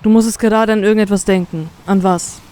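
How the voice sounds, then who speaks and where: A woman voicing a cold, calm male pirate captain with a dry, cool manner. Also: medium pitch, fast talker, clear, resonant tone, natural voice. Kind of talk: fanfiction audiobook reading.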